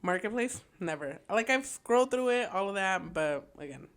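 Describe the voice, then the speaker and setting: A woman's voice: mid-range voice, lively intonation, moderate pace. A woman co-hosting a podcast, telling stories in a casual, playful way peppered with "like". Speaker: podcast co-host. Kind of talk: casual storytelling chat.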